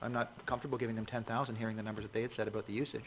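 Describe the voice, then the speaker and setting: Rapid-talking Canadian councilman. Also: medium pitch, flat delivery. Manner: rapid, to the point. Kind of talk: council meeting discussion. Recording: tinny phone-like audio with faint room noise.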